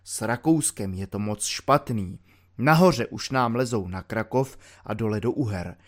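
Guy doing a deep slow solemn soldier, folksy colloquial talk, totally deadpan. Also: natural voice. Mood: grave. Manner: low, grave, drawn-out delivery; colloquial everyday Czech speech. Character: good-natured simple soldier, solemn and deadpan. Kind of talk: audiobook reading.

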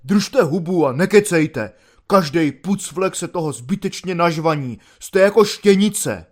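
A man voicing a petty, irritable army corporal who barks gruffly. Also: high-pitched, lively intonation. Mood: angry. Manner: gruff, barking, loud.

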